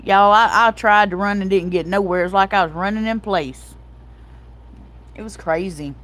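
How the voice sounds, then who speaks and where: Middle-aged female host, casual livestream chat, lively storyteller. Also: medium pitch, normal speed. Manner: animated storytelling, addresses viewers as y'all.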